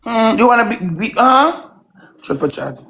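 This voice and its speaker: High-voiced Jamaican woman live-streaming. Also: sing-song, unhurried, a bit bright. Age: 30s. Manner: coaxing viewers, repetitive call-outs in patois. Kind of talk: casual live-stream chat.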